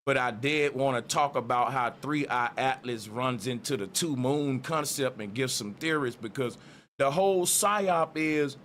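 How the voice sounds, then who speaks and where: A man's voice: medium pitch, fairly bright tone. Streetwise man doing conspiratorial exposé commentary, noisy background. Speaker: online commentary host. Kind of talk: casual opinionated commentary to viewers. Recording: noticeable background noise.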